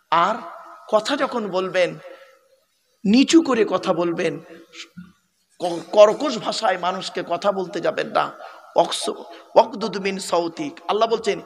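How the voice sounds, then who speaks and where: A middle-aged man preaches a sermon. His voice sits high for a man. He keeps turning to the listeners with fond calls and quick checks that they follow. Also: fairly bright tone. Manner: addresses listeners as "bapera", repeats rhetorical checks. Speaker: Islamic preacher.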